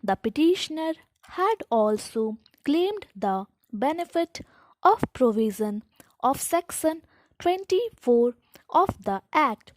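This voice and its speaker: Slow, high-pitched woman reading dictation. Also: big pitch swings, dry recording, poor audio. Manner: deliberate, halting phrase-by-phrase reading. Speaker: dictation instructor. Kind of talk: slow school dictation, read aloud in short measured phrases.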